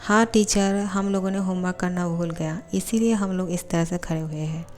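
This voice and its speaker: Brief: woman doing a class of students owning up, apologetic, lowish voice, faint music behind. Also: fairly even intonation, moderate pace, a little mellow, lightly acted. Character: group of nervous college students.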